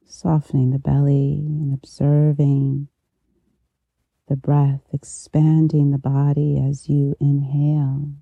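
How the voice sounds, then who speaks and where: A meditation teacher guiding relaxation gently, with a soft, intimate delivery right in the listener's ear. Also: medium pitch, completely flat delivery, vocal fry, slightly rough, dry recording, narrow, tinny audio. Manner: slow, unhurried, gentle pauses. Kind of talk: guided meditation, soothing instruction.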